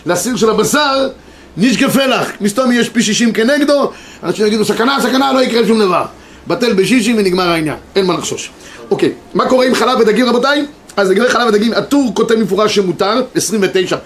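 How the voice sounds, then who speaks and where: High-voiced rabbi teaching a class. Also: male voice, a little hiss or hum. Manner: explains, reads sources aloud, checks in with students. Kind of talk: Torah class lecture. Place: classroom with students.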